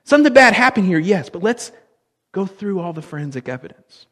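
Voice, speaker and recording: Man preaching in an echoing hall. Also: sits high. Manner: animated preaching with big swings in loudness, slowing for emphasis. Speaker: pastor. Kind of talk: sermon. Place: church worship hall. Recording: long reverb of a large hall.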